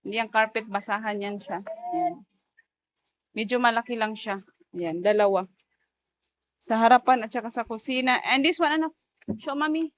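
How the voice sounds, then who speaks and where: A woman's voice: on the high side, moderate pace, pauses often. A woman, chatting casually in a home vlog, mixing in English phrases with giggly asides. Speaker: vlogger.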